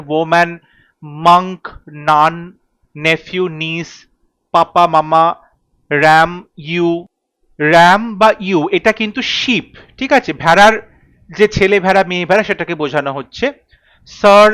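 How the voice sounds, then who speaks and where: A man teaching English grammar, reading word pairs in a steady drill and often checking in with his students. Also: a little high, clear, resonant tone, dry recording. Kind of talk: classroom grammar lesson.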